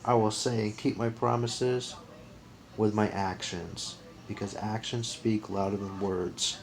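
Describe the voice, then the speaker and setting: A young man in his twenties with a somewhat low voice talks on in a loose, earnest monologue to camera. He rambles, trips over his own sentences and starts again. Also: steady tone, measured pace, vocal fry, poor audio. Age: 20s. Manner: rambling, earnest, restarts and counts aloud. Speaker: vlogger.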